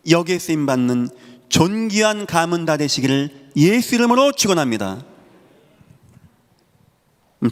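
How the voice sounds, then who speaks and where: A man preaching a Sunday sermon as pastor, emphatic and acting out the voices he quotes. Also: mid-range voice. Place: church sanctuary. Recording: long hall reverb.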